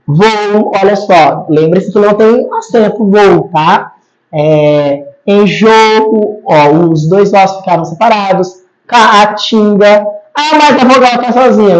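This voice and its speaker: A teacher explains grammar rules at a board patiently, repeating each rule and checking in with the class. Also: mid-range voice. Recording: slightly dull lo-fi recording.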